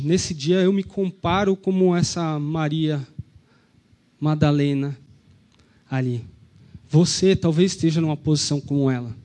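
A man's voice: high voice, warm tone. A man with a Brazilian Portuguese accent, preaching an Easter sermon as a pastor, retelling the story and asking the congregation rhetorical questions.

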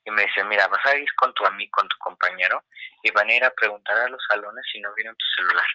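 A man's voice: on the low side, fast, bright, forceful tone, no echo, low-quality recording. A young Mexican man telling a long personal story on a podcast. He swears freely and acts out every voice he quotes. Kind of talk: casual storytelling.

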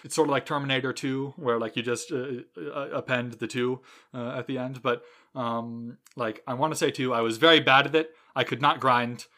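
A man with a bright, crisp voice chats on a comedy podcast. He delivers dry, wry jokes between hesitant stops and restarts. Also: mid-range voice, fairly even intonation, moderate pace. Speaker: podcast co-host. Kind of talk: casual comedic chat.

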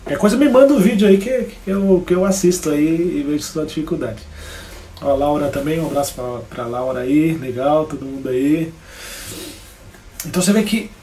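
A man's voice: on the high side, mellow, a little hiss or hum. A Brazilian man teaching guitar on a live stream in a casual, chatty way, greeting viewers by name as he plays. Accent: Brazilian Portuguese. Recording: echoey room with guitar playing.

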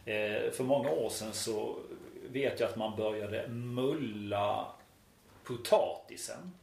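A man with a low voice and a gravelly, creaky edge chats in a relaxed way. He tells examples and stories with fillers between thoughts. His voice echoes in the room. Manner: relaxed, anecdotal, with hesitation fillers. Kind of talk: casual conversation. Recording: roomy echo.

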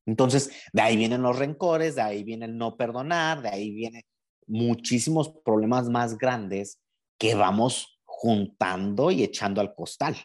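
A man talks in a relaxed conversation. He is thoughtful and explains his ideas patiently, often acting out what other people would say. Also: medium pitch, a little slow. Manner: reflective, explanatory, voices imagined speech. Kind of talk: casual conversation.

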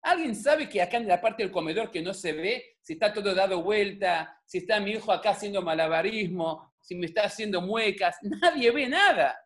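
A middle-aged Argentine man speaks in a high voice at a moderate pace with hardly any pauses, in Rioplatense Spanish. He gives a humorous storytelling talk on religion at home on camera, animated and jokey with many asides to the audience.

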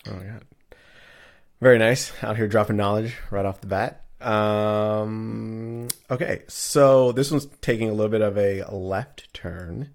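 Gravelly-voiced podcast host. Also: male voice, fairly low pitch, fairly even intonation, unhurried. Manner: rambling questions with fillers. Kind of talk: casual podcast interview.

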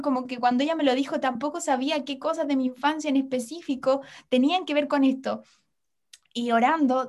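A young woman telling a heartfelt personal testimony as a podcast guest, retelling conversations in quoted voices. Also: sits high.

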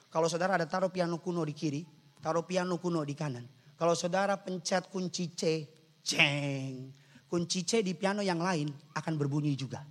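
A man preaching as a pastor, animated and joking, swinging from quiet asides to loud shouts. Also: high voice. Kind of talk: sermon. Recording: long church-hall reverb.

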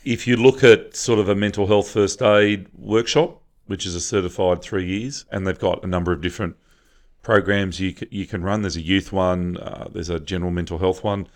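A man explaining where charity funds go in a casual podcast chat, halting with frequent ums and restarts. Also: low voice, steady tone. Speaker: charity representative.

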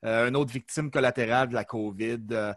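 A man's voice: medium pitch, steady tone, a little fast, no room sound, studio quality. A man hosting a casual bilingual podcast, speaking hesitantly with many fillers. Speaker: podcast host.

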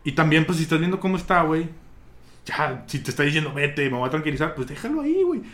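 A young man with a Mexican Spanish accent recounts a story to his friends, swearing freely and acting out the scenes. His voice sits a little high for a man, and he keeps a loose, chatty delivery throughout. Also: fast talker. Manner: vulgar slang-heavy, animated retelling with laughs. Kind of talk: casual storytelling among friends.

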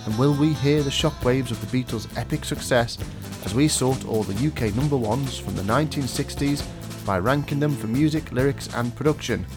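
Over music, a podcast host with a medium-pitched male voice speaks a little fast with few pauses, his nose congested from a cold. He's chatty and pokes fun at himself through a scripted intro and casual podcast conversation.

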